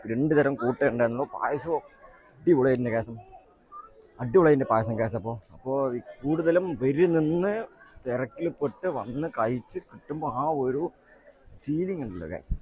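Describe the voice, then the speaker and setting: A man's voice: mid-range voice, low-quality recording. A young man with a Kerala accent giving casual vlog commentary in Malayalam mixed with English words, often repeating phrases to his viewers. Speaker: vlogger. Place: outdoors at a crowded temple festival. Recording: busy outdoor festival crowd behind.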